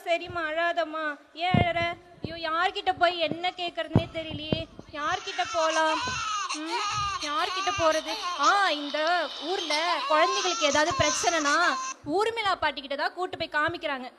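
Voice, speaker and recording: A woman's voice: very high voice, noisy background. A woman playing an anxious young village mother soothing her crying baby, in an amateur role play. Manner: fretful, pleading.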